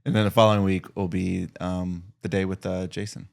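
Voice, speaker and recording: A man co-hosting a casual podcast chat, relaxed and joking, laughing often. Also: deep voice, fairly quick, creaky. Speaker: podcast co-host and producer.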